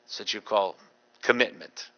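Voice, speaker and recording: A middle-aged rabbi, his voice on the low side, speaks at a moderate pace over lo-fi audio. His public talk is built on dryly comic anecdotes, delivered animatedly as he mimics each person's voice.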